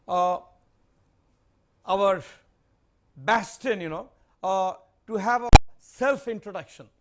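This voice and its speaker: High-voiced host, formal. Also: male voice. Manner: formal, hesitant with many uh fillers. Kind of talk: studio panel hosting.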